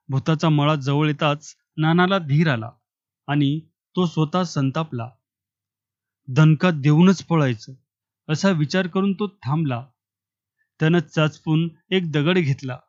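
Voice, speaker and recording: A man's voice: fairly high pitch, no echo. Male storyteller reading a folk tale. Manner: dramatic storytelling, steady read-aloud delivery. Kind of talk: scripted story narration. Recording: dull dry recording.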